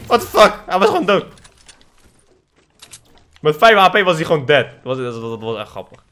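A man's voice: on the high side, sing-song, normal speed, bright, forceful tone. A young man giving playful, trash-talking gameplay commentary as a gaming YouTuber, slipping English slang into his talk.

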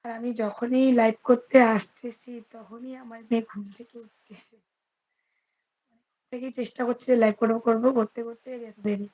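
A woman chatting casually with viewers on a late-night live stream from her home, talking softly so her sleeping daughter stays asleep. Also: on the high side, flat delivery, normal speed. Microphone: phone. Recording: dull lo-fi phone audio.

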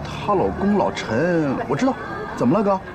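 An actor playing a loud, boisterous drinking buddy who keeps toasting at an outdoor street-food stall. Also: male voice, on the high side, sing-song, moderate pace. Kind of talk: TV drama acting.

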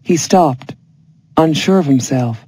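Slow, mellow story narrator. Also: mid-range voice, breathy edge. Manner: measured, even reading. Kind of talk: scripted story narration for listening practice.

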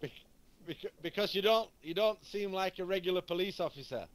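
Slightly high-voiced guy, kind of giggly and hesitant, civilian in a roleplay game. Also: brisk, dry recording. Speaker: civilian player. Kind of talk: in-character game role-play. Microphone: game voice chat.

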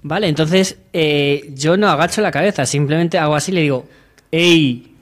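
A young man from Madrid, Spain, serves as the humor contributor in a small radio studio, joking through a comedic chat into a desk mic on a stand. His voice is a little high at a moderate pace, and he gestures animatedly while acting out dialogue in voices.

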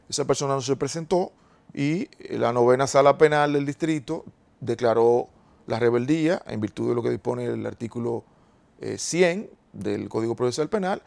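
Gravelly lawyer, measured and formal. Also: male voice, mid-range voice, a little mellow. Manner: measured, formal legal phrasing. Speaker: lawyer guest. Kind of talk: TV interview.

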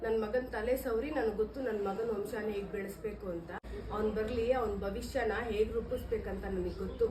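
A woman's voice: fairly even intonation, fairly quick, roomy sound, distant mic, noisy background, lightly acted. A woman playing a bitter middle-aged mother-in-law who scolds and pities herself, in a family skit. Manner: shrill, scolding, self-pitying.

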